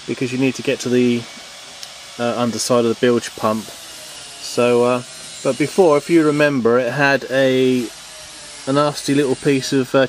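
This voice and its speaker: A middle-pitched, chatty man in his forties talks through a boat repair outdoors, rambling and self-deprecating with plenty of ums. He's recorded on a handheld camera mic, with a faint outdoor hiss behind him. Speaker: boat renovation vlogger. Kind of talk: casual how-to commentary. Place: outdoors in a garden workshop.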